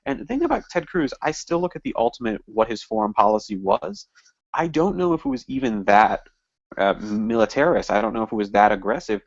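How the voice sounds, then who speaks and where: A man being interviewed on a podcast, talking in emphatic, animated bursts. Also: mid-range voice, brisk, no room sound. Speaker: guest, party office candidate. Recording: dull lo-fi dry sound.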